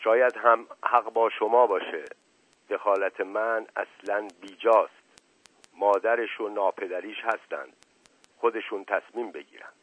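A man's voice: medium pitch, lively intonation, no room sound, lightly acted. A man voicing a proud, paranoid older head of the family who speaks sternly and indignantly, on a tinny radio recording. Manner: stern, indignant, slow and weighty.

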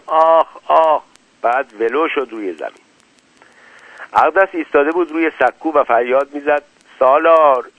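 A man's voice: mid-range voice, breathy edge, dry recording. A man reading a story aloud dramatically and acting out characters, in a dull, muffled recording. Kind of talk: scripted story narration.

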